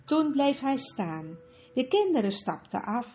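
A woman reading a children's storybook aloud in a steady, clear telling. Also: high-pitched, unhurried, dull audio. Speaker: audiobook narrator. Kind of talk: storybook narration. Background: faint music.

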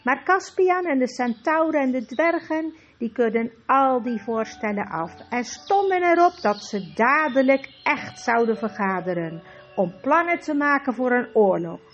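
A woman's voice: high-pitched, expressive, a little slow. Woman narrating a storybook. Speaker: audiobook narrator. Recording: dull lo-fi with faint music.

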